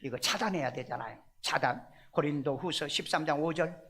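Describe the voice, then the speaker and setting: Male pastor, high pitch, church sermon; emphatic, questioning the pews, loud-to-hushed swings. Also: fairly quick, slightly rough. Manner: emphatic preaching full of rhetorical questions to the congregation; swings between loud stressed phrases and hushed asides. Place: church sanctuary.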